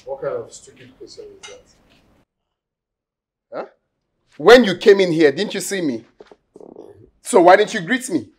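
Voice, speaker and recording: A man acting an arrogant, hot-tempered Nigerian crown prince in a film drama, bullying, with a husky voice. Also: high-pitched, sing-song, unhurried, pauses often, exaggerated voice. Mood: haughty. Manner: bullying, stammering repetition when angry.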